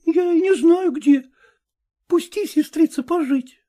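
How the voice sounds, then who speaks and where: Lady putting on a teary simple country girl, high squeaky begging voice, storybook. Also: unhurried, dark tone. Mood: pleading. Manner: pleading, simple village speech. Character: naive, tearful young peasant girl.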